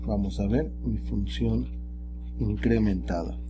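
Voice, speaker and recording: A man teaching calculus in a relaxed, chatty way, often tagging his sentences with rhetorical questions. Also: on the low side, takes it slowly, music in the background. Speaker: math teacher. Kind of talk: recorded screen lesson.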